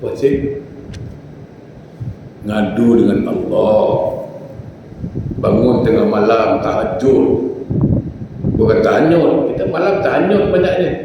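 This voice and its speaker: A man's voice: on the low side, slow, vocal fry, long pauses. A man in giving a casual mosque sermon, moving between talk and acted-out prayers. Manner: conversational, acts out everyday speakers and prayers. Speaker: preacher. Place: mosque hall. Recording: echoey hall, far from mic, noisy.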